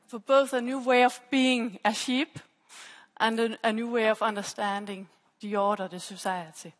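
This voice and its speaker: A woman presents her PhD research at a conference from the stage of a large dark auditorium, using a headset mic. Her fairly high voice keeps fairly even intonation at normal speed as she explains and restates her phrases. The hall echoes, with long reverb.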